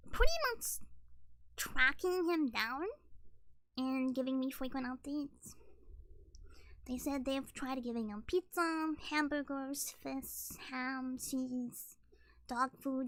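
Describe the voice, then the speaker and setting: Young woman streamer, early twenties: bright, slightly scratchy voice, unhurried, casual chat with frequent ums. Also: high voice. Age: early 20s. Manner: rambling, many ums and likes.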